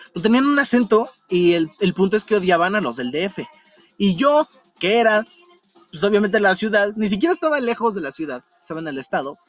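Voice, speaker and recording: Faint music plays while a young man, a vlogger from Mexico City judging by his accent, laughs his way through a slangy personal anecdote. He stays lively throughout and slips into falsetto for the retold parts.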